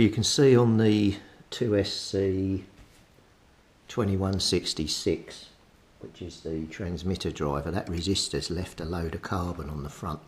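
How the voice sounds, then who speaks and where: Low and darkish, a British man's voice accompanies his hands-on radio repair video as he casually thinks aloud, hesitating here and there. The recording carries noticeable noise and clicks.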